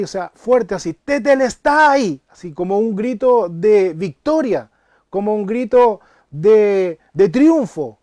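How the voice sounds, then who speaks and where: A male pastor delivering a sermon in a high but mellow voice. He preaches emphatically, circling back over his phrases and pushing key words out loud. The sound is close and dry. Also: no room sound. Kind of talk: sermon Bible study.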